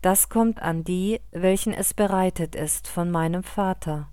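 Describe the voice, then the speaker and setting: A woman reading the words of a calm male teacher speaking to his followers, in a solemn, measured way. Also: high voice, clear, resonant tone, no room sound, clean studio sound.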